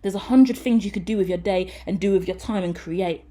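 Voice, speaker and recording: A woman's voice: mid-range voice, brisk, dark tone. A woman, giving a frank, rambling tarot reading straight to her viewers. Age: 30s. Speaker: tarot reader. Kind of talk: casual tarot reading to camera.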